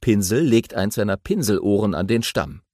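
A man narrating a children's audiobook in an animated storytelling way. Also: fairly low pitch, normal speed, no room sound, clean studio sound.

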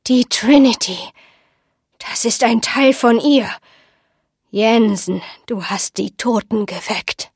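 A woman's voice: medium pitch, husky, no echo, clean studio sound. A woman whispering as an eerie old village seer. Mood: agitated. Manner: whispering, slow, ominous.

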